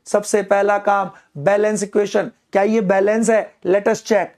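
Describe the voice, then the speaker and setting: A man teaching chemistry in a playful online lecture, staging mock dialogues with his students and slowing down to dictate English phrases word by word. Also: sits high, little pitch movement, a little mellow.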